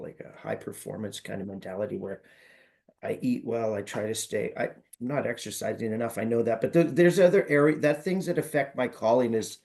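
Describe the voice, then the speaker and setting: A man in casual conversation on a group call, easygoing and joking. He tells stories about his sales calls and slips into the voices of the people he quotes. His pitch sits in a middle range. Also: creaky, darkish tone. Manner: storytelling, light and joking, acts out quoted voices. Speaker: sales coaching group member.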